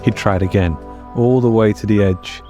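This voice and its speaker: Over background music, a man reads a fictional story in a fairly low, mellow voice. His steady, deliberate delivery sets out short, dramatic phrases one at a time.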